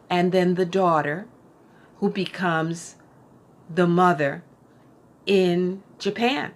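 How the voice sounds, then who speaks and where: A middle-aged woman giving a casual book review, thoughtful and unhurried, with frequent fillers and restarts. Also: fairly low pitch. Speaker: book vlogger.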